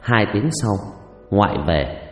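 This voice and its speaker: Animated man telling a ghost story. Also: fairly low pitch, slow. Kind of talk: dramatic ghost story narration. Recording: roomy reverb with background music.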